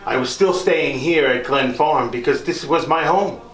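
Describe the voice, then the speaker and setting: A man's voice: on the high side, normal speed, fairly bright tone, close to an everyday voice. A man playing a genteel nineteenth-century country doctor, telling his life story in a theatrical, folksy monologue to a live group. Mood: genial, proud. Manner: theatrical, folksy, addressing listeners directly. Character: genteel 19th-century country doctor, proud, reminiscing, later grieving. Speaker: costumed tour performer. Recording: echoey room, live performance.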